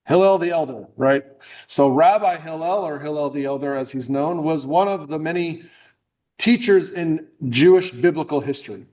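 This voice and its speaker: A middle-aged New England man, appearing as a guest speaker, gives a friendly, joking talk at a club meeting in a meeting room. His voice sits on the high side and sounds a little mellow, moving at a moderate pace, and the delivery is loose with frequent restarts.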